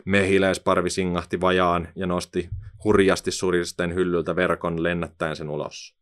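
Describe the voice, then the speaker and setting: A man narrating a children's story in an expressive, playful storytelling manner. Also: low-pitched, smooth.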